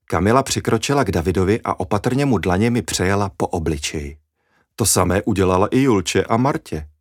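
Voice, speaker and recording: A man reading a children's story aloud in a lively, expressive way. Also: sits low, no echo, clean studio sound.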